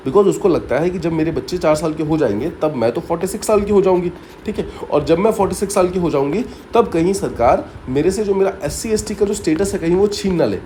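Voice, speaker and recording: Using a story as a memory aid, a man coaches exam students step by step, frequently restating key ideas and slipping in short English comments. His voice is a bit high and warm, and faint background noise can be heard.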